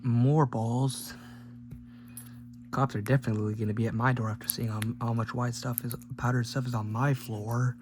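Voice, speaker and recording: In a mid-range, darkish voice with little pitch movement and a moderate pace, the host of a gadget teardown video rambles casually and tosses in offhand jokes while working. Noise and hum are clearly audible.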